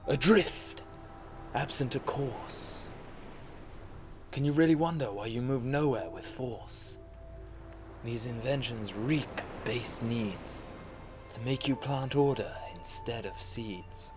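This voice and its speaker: Guy doing death in a spoken poem, whispery n slow, darkly mocking, music behind. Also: mid-range voice, natural voice. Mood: grave, scornful. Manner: slow, deliberate, poetic, grandiose. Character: Death, calm philosophical, darkly mocking ancient watcher. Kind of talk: rhymed poetic monologue.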